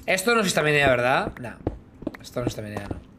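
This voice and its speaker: Talking quickly with big swings in pitch, a man in his thirties from Spain keeps up casual, joking chat with viewers on a live game stream. His voice sits at medium pitch, with a Spanish accent, and he hums sound effects while playing. He's on a headset in a small room, with background noise.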